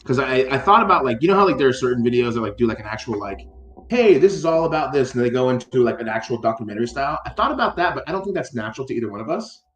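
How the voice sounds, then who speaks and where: A man's voice: medium pitch, animated, very fast, hardly any pauses, fairly bright tone, reverberant. Rambling casual man, lots of "like". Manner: rambling, many fillers and restarts, swears casually. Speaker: podcast co-host. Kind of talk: casual chat.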